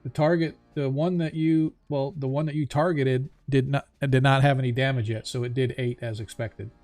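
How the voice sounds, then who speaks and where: A man's voice: medium pitch, steady tone, normal speed, darkish tone, faint music behind. A man casually running an online tabletop roleplaying game as its game master.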